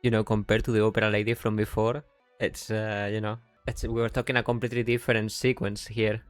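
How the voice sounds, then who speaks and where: A man's voice: lowish voice, little pitch movement, a little fast, dry recording, faint music behind. A man with a Yorkshire accent, chatting casually while streaming a game, rambling and breaking off mid-sentence. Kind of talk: casual live-stream commentary.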